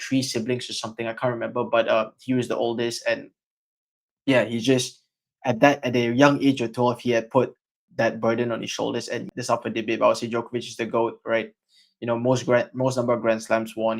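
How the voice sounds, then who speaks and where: Podcast host guy, mid-pitched, pretty flat delivery, informal chatty phrasing. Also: brisk, gravelly. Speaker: podcast interviewer. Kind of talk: conversational interviewing.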